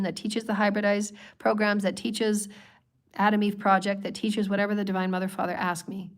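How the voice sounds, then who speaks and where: Over a livestream mic, a woman with a medium-pitched voice leads a spiritual stream, her throat hoarse from a cold. Her speech pours out in long runs of repeated phrases.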